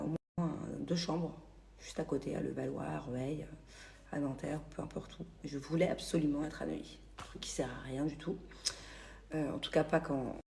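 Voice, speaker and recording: Speaking into a phone, this woman from the Paris area in France chats casually with her followers as a vlogger, stumbling into fillers and starting over often. She sits low in pitch, her voice creaky and slightly mellow.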